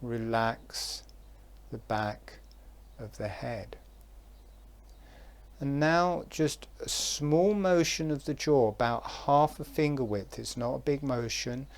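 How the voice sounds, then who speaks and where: In a soft, calm, mid-range voice, a man guides listeners through relaxation, leaving long pauses between his phrases.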